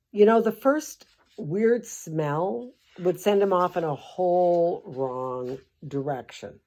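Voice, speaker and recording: A woman's voice: rumbling low, dark tone. An older woman reading a children's book aloud and breaking off into sarcastic, rambling asides with mild swearing. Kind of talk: comic storybook commentary.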